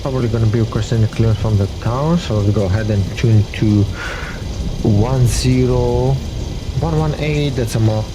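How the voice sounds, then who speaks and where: A man playing flight simulator pilot, giving deliberate radio calls and commentary. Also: medium pitch. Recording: clear aircraft cockpit noise. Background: aircraft cockpit hum.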